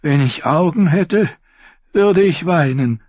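A man's voice: fairly high pitch, animated, takes it slowly, darkish tone, slightly rough, dry recording, highs cut off, voice pushed up, exaggerated voice. A man voicing a blind, heartbroken male singer in an audiobook, speaking in a broken, near-whispered, pleading voice. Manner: pleading, tremulous. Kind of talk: audiobook character voice.

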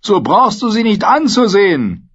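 A leering mercenary spearman goads his comrades on in a high, loud voice, put on by a male reader. The sound is dull and lo-fi. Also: sing-song, moderate pace, slightly rough, heavily acted. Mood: goading. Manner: crude, goading. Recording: dull lo-fi recording.

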